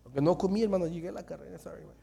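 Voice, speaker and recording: A man preaching as pastor, swinging from loud exhortation to hushed, near-whispered asides and slipping English phrases into his talk. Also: high-pitched, rapid-fire, gravelly, slightly rough. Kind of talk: sermon.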